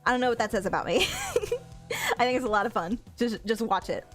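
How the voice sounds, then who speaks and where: High-pitched, cute woman streamer, bubbly. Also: fast, fairly bright tone. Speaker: VTuber game streamer. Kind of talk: casual livestream chat with viewers. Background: video game music.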